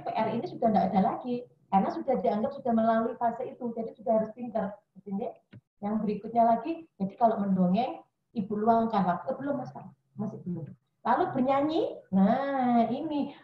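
A woman educator giving a chatty parenting webinar talk to mothers, with many fillers. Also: on the high side. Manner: chatty, addresses listeners as Bunda, many fillers. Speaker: early childhood educator speaking to parents. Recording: dull, echoey room audio.

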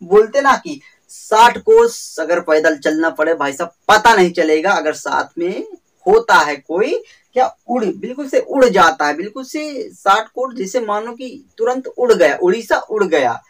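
A man's voice: sits high, animated, measured pace, a bit bright, distant mic, poor audio. A man teaching a general-knowledge exam lesson, explaining memory tricks with repetitive, sing-song emphasis and calling his viewers friends. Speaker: quiz teacher.

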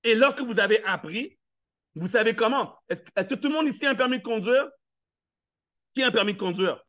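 A man with a high, forceful voice speaks from a live event stage. He questions his listeners directly and slips into quick acted scenes. The delivery stays playful and punchy. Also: lively intonation. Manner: playful, questions the audience, acts out little scenes. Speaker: motivational speaker. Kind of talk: live motivational talk to an audience.

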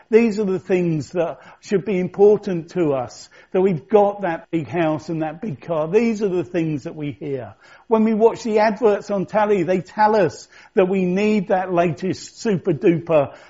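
In a church, a male pastor preaches a sermon in a conversational, reflective way, posing questions to his listeners. His voice is high, warm, and slightly rough, captured in a dull, lo-fi church recording.

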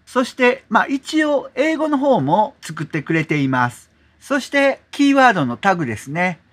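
A man hosting a software tutorial, explaining step by step in a polite manner, often adding 'desu ne' as filler. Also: high-pitched, big pitch swings, normal speed. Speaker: tutorial host. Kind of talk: screen-recorded software tutorial.

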